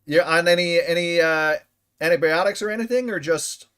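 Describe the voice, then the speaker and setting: A man's voice: fairly high pitch, normal speed, a bit bright, clean tone. A man streaming a game from home, chatting casually and playfully with his viewers and inventing silly words. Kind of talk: casual live stream chat.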